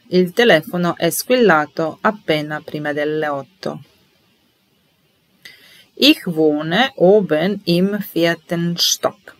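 Woman teaching phrases real slow, low-ish voice, careful and patient. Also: a bit bright, no echo, low-quality recording. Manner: patient, measured, enunciating each phrase slowly. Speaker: language teacher. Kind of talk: slow bilingual lesson, repeating phrases.

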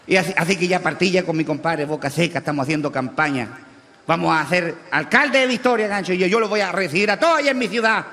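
A man playing a crude, rowdy rural Chilean huaso in a stand-up character monologue, speaking with a Chilean accent, full of coarse slang and shouted punchlines. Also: high-pitched, lively intonation, fast talker, a little hiss or hum, exaggerated voice. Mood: boastful. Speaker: comedian in character. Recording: live stage with long reverb.

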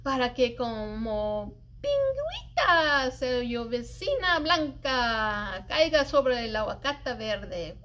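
Indoors in a library children's room, with light room noise behind her, a middle-aged woman reads a picture book aloud. Her voice is on the high side, and as a storyteller she is expressive and deliberate, lengthening the words she stresses.

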